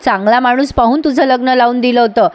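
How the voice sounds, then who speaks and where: A woman's voice: fairly high pitch, fairly even intonation, fast talker, a little mellow, lightly acted. A woman voicing a defensive married woman scolding her sister-in-law.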